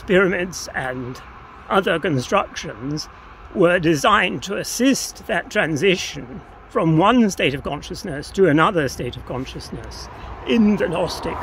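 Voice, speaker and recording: An older man with a high, slightly bright voice is interviewed outdoors on open grassland beside a path, with clear ambient noise in the recording. As a guest, he explains his ideas in a reflective, tentative, philosophical way.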